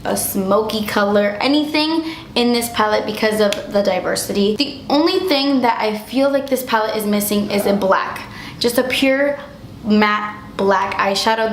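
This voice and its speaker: A young beauty vlogger with a medium-pitched voice chats and gushes through a casual makeup review, her voice fading as she gets sick. The sound is reverberant, with slight background noise.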